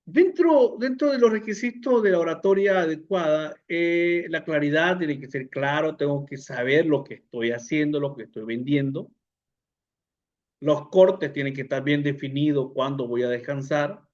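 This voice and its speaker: Man teaching a class, unhurried. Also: a little high, a little mellow, highs cut off. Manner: unhurried, repeats words, fillers, asks the audience. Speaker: public speaking teacher. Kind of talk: lecture to pastors.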